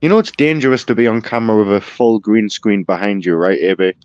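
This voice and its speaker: A man's voice: lowish voice, fast talker, a little mellow, clean tone, dry recording, muffled recording. A man bantering on a casual podcast, laughing often and teasing the others. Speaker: podcast cast member. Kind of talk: casual chat.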